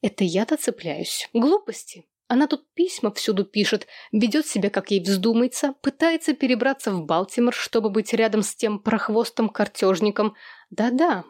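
A woman's voice: medium pitch, lively intonation, normal speed, darkish tone, no echo, clean studio sound, lightly acted. A woman reading aloud and voicing an indignant, self-righteous adult sister who lectures in a raised voice.

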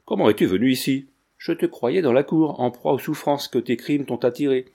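A man's voice: medium pitch, a little fast, creaky, dark tone. A man voicing a wrathful, tyrannical prince who speaks in a commanding, contemptuous way. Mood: furious.

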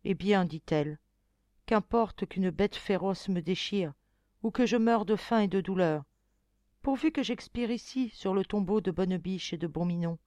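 A woman's voice: mid-range voice, a little slow, a little mellow, no echo, close to an everyday voice. A woman voicing a grieving, remorseful young girl in an audiobook, pleading and tearful in a raised voice. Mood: despairing. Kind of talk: audiobook reading.

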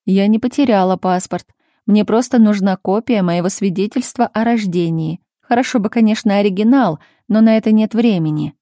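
A woman reading a calm, insistent grown daughter. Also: medium pitch, normal speed, dry recording, clean studio sound, close to an everyday voice. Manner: calm, patient, pleading.

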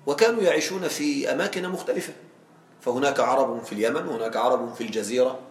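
A man's voice: mid-range voice, quick pace. A man teaching Arabic grammar in a classroom, explaining patiently and often checking that students follow. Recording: echoey classroom, faint background noise.

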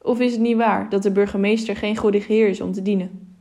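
A woman's voice: medium pitch, steady tone, brisk, dark tone, close to an everyday voice. A careful, worried scribe of a town hall, as a woman reading a storybook voices him. He talks plainly and cautiously. It stays close to the reader's own voice.

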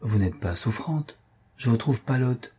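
A man's voice: fairly low pitch, animated, moderate pace, mellow, slightly rough. A man reading an audiobook, voicing a fickle, playful young count who talks lightly and affectionately. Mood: tender.

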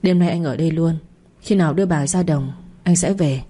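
A woman's voice: low voice, fairly quick, warm tone, slightly rough. A woman voicing a jealous, controlling young husband in a spoken story, with harsh, curt lines.

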